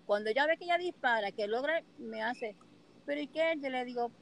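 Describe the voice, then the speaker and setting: A woman talks casually, her voice a little high. She is expressive, acting out both sides of the conversations she recounts. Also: a little fast, vocal fry, poor audio. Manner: expressive, acts out dialogue in her anecdotes. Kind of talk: casual chat.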